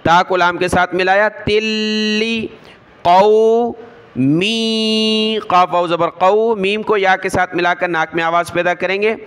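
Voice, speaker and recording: A man teaching Quran reading, spelling out letters one by one and then reciting each verse slowly and drawn out. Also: high-pitched, steady tone, pushed and bright, clean tone.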